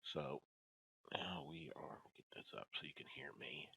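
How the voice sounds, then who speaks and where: An older man with a folksy, rambling grandpa voice, gravelly and husky, casually reading news headlines and commenting on them. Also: a bass voice, measured pace, sharp tone, no room sound, whispered.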